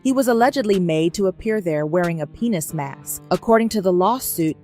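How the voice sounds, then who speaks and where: A woman narrates a scripted investigative news exposé. Her voice sits fairly low for a woman, and faint music plays underneath. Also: darkish tone.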